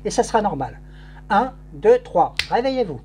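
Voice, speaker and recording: A man's voice: high-pitched, big pitch swings, moderate pace, darkish tone. Male stage hypnotist, noisy live recording. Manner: repetitive, commanding suggestions with shushing. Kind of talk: live hypnosis show, commands and suggestions.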